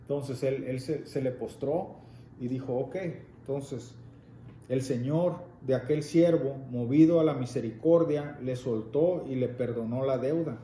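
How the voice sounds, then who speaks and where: A man's voice: medium pitch, fairly even intonation, unhurried, warm tone. A man leading a Spanish Bible class, explaining scripture and prompting a reader to continue. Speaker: Bible teacher. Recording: echoey room with faint noise.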